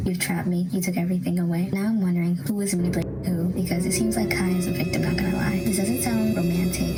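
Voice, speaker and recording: A woman's voice: fairly low pitch, noisy background. A woman reading a scripted commentary that analyses lyrics, with music playing behind her. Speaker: commentator explaining song lyrics. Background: background music.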